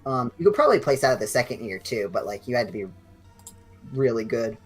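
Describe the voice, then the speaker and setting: Soft music plays in the background as a young man with a medium-pitched, slightly breathy voice talks fairly quickly. It's casual banter among friends on a game night stream, full of lively, rambling anecdotes he keeps starting over.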